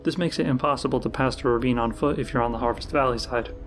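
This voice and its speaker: A man giving measured, explanatory scripted narration for a countdown-style video of game trivia. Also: medium pitch. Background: background music.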